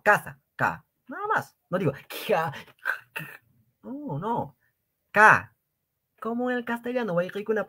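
Male teacher, streamed lesson; bright, animated, drills syllables emphatically. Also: high-pitched. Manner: animated, drills sounds with exaggerated repetition; addresses viewers as brothers and sisters. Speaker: language teacher. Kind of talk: livestreamed language lesson.

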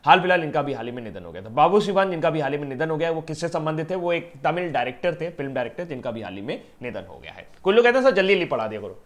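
A man's voice: on the high side, very animated, racing, few pauses. Chatty man teaching current affairs. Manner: chatty, teasing, addresses students as yaar and beta. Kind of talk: casual Hindi lecture to students.

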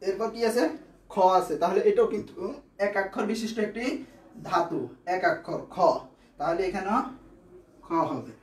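A man's voice: high-pitched, animated, normal speed, long pauses, echoey room. A man teaching grammar, explaining step by step and answering his own questions. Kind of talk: classroom lesson.

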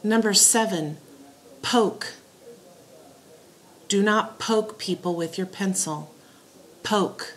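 A woman teacher dictating spelling words and sentences in a deliberate way, setting words apart and repeating them. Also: mid-range voice. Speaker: teacher giving a spelling test.

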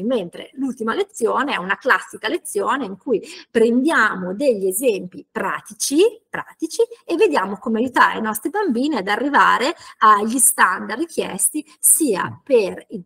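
A woman's voice: a little high, vocal fry, fairly bright tone, breathy edge. A woman teaching an online lecture, chatty, with frequent laughs and fillers. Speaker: teacher trainer.

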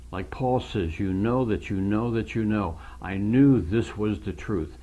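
In a husky, fairly low voice, a man earnestly and emotionally recounts his conversion, acting out remembered conversations by quoting others. At moments his voice drops to a near whisper as he tells his testimony.

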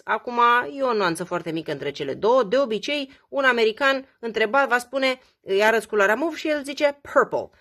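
A Romanian-speaking woman teaching English color words, repeating each slowly and explaining how to pronounce them. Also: mid-range voice, a bit bright, breathy edge. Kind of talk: language lesson.

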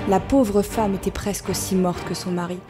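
A woman reads a classic fairy tale aloud as narrator, measured and expressive. Her voice sits at a middle pitch for a woman, with steady music underneath.

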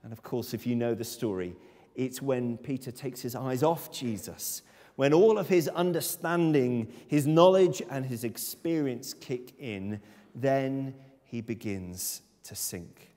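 A man in his thirties speaks at a church lectern, preaching earnestly and emphatically in an unhurried, warm, medium-pitched voice. Long reverb fills the sanctuary, recorded on a far camera.

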